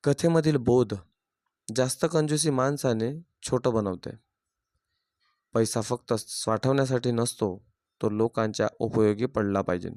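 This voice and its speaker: A male storyteller reads a moral story aloud in a steady, plain delivery. His voice sits at an ordinary middle pitch. The recording is dry and close, with no room echo. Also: measured pace, pauses often. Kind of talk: scripted story narration.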